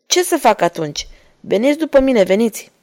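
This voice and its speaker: A woman's voice: a little high, very animated, a little mellow. Woman reading a bold young cavalier. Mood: urgent.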